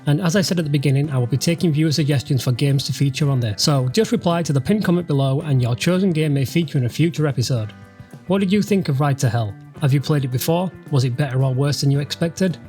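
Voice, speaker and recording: A man's voice: fairly high pitch, fast talker, dark tone, soft background music. A man from the UK, a gaming channel host, giving sarcastic, dryly mocking voice-over commentary over gameplay. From United Kingdom. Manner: sarcastic, dry mocking humour. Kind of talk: let's-play voice-over commentary.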